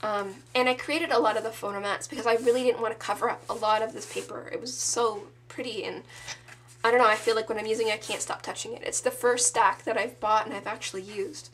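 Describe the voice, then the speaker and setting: A woman in her thirties with a sore throat casually shows off her handmade scrapbook album, relaxed, chatty and enthusiastic. Her voice is fairly high and she speaks quickly.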